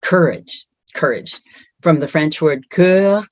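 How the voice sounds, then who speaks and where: Earnest low-voiced woman giving a pep talk. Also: expressive, measured pace, a little mellow, no echo. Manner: earnest, encouraging, repeats words for emphasis. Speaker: speaker at a women's empowerment event. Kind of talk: motivational talk.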